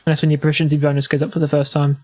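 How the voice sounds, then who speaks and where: A man's voice: fairly high pitch, completely flat delivery, rapid-fire, darkish tone, no room sound. A man casually explaining rules to players as the game master of a tabletop game.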